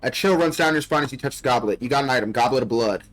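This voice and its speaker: A man's voice: medium pitch, rapid-fire. A man doing a casual let's play, reading game text aloud with muttered, dryly understated asides. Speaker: video game player and commentator.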